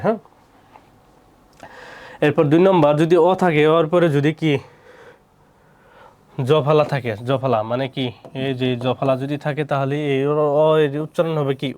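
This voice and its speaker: A male teacher walks through rules step by step. He keeps posing questions and answering them himself, repeating key phrases. His voice sits a bit higher than most men's. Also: a little mellow. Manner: repetitive, asks and answers his own questions. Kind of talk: spoken lesson on pronunciation rules.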